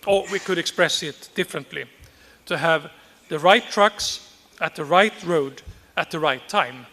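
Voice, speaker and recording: A man giving a formal prepared speech as a conference speaker, measured and deliberate, repeating key phrases for emphasis. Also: on the high side, sharp tone, long reverb tail.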